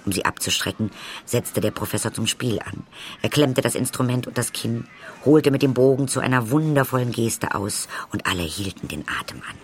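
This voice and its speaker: A man narrating a children's audiobook in a lively way, speaking directly to the listeners. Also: medium pitch, normal speed, a little hiss or hum. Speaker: storyteller.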